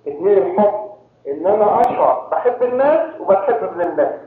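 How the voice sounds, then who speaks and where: A man's voice: high-pitched, sing-song, fast talker, slight background noise. A man from Cairo with an Egyptian accent, a priest preaching a sermon and quizzing his listeners with rhetorical questions. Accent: Egyptian Arabic. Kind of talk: sermon to a congregation. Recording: very echoey tinny phone-like hall recording.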